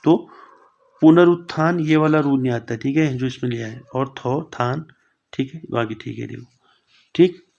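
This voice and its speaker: A young man teaching a spelling lesson for exam preparation, repeating each word and closing points with a quick "okay". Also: mid-range voice, creaky, darkish tone, highs cut off. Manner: repeats words slowly, ends points with "thik hai".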